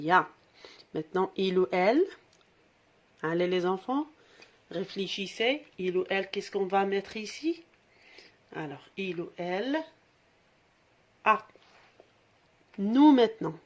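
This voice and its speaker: A woman teacher, patiently taking young pupils through a French lesson and explaining in Arabic. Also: mid-range voice. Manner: patient, slow dictation, switching into Algerian Arabic to explain. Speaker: primary school French teacher. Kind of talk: classroom lesson for children.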